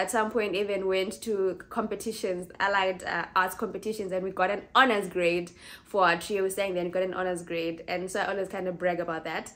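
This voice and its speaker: Chatty young Zimbabwean woman vlogging. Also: medium pitch. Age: 20s. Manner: chatty, warm, laughs easily, self-correcting. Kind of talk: casual chat to camera.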